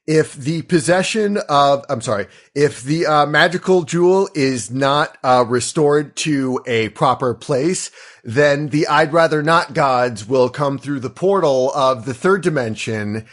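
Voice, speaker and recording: A man's voice: on the high side, a little slow. A man in his thirties hosting a comedy chat, rambling and often stopping to correct himself and apologize. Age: 30s. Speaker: host running the question game. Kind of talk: casual comedy podcast chat.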